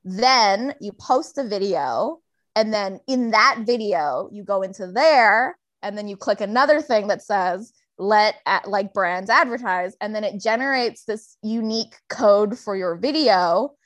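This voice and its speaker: A woman co-hosting a podcast, chatting excitedly and laughing often. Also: mid-range voice, measured pace. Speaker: podcast co-host. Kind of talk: casual chat.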